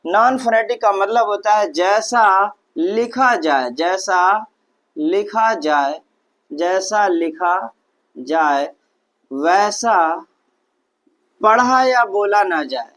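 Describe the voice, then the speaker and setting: A man teaching English grammar in Hindi. He repeats phrases, asks rhetorical questions and dictates definitions word by word. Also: very high voice. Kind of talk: Hindi classroom-style lesson, slow and repetitive.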